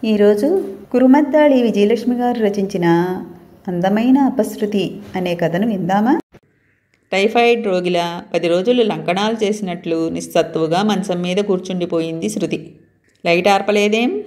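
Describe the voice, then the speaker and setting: A woman reading a story aloud in a calm, steady manner, as a storyteller. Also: mid-range voice, normal speed.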